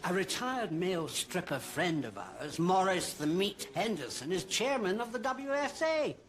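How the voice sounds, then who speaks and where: A man's voice: high voice, sing-song, a little slow. An actor playing a theatrical, suggestive male swinger on holiday. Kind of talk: sitcom acting.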